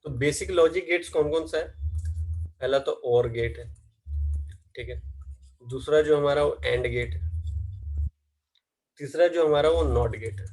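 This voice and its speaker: A man teaching a class, asking questions and then answering them himself, slow and drawn out when dictating definitions, mixing Hindi with English terms. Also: fairly high pitch, darkish tone, low-quality recording. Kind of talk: classroom lecture.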